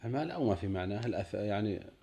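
A man taking part in a lesson as a student. He gives short, quick replies and asks brief questions. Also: on the low side, expressive, dark tone, breathy edge. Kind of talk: answering and asking in a lesson.

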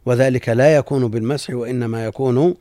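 A man teaching as a sheikh, reading out a classical text and explaining it in a measured way, often repeating lines for emphasis. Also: medium pitch, fairly even intonation, dark tone, no echo, studio quality.

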